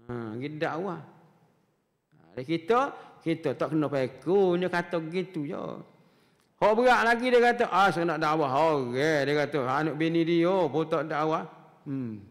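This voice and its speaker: A man's voice: a little high, unhurried. A man with a Kelantan Malay accent giving a weekly mosque lecture as a religious teacher, talking conversationally with rhetorical questions and frequent "ha" interjections. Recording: long mosque hall reverb.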